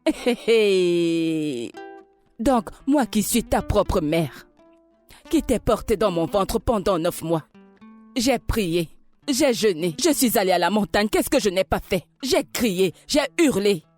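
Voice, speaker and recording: A woman's voice: medium pitch, lively intonation, slow, darkish tone, faint music behind. A woman dubbing an exasperated mother who lectures her grown son with lamenting reproaches, for a French film dub. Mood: reproachful. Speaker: dubbing actress.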